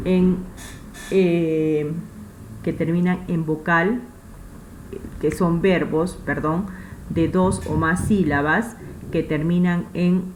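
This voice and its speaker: A woman's voice: lowish voice, a little hiss or hum, low-quality recording. A woman with a Peruvian Spanish accent, teaching a recorded English grammar class in a patient way, repeating points and checking that students follow. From Peru.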